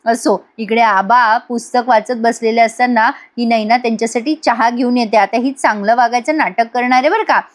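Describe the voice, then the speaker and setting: A woman's voice: fairly high pitch, fairly even intonation, moderate pace, few pauses. A woman retelling a television serial episode in a chatty, amused manner. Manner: chatty, amused, laughs often. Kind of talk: casual retelling narration.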